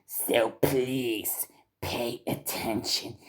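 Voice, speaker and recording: A man doing a mocking impression of a woman reading an exposé aloud, in a breathy half-whisper that stumbles over the words. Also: mid-range voice, steady tone, very slow.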